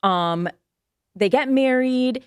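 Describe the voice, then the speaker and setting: A young woman co-hosting a podcast, retelling a story in a lively, rambling way and swearing freely, recorded in a studio. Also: high-pitched, slow, smooth, dry recording. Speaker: podcast co-host. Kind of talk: casual chat.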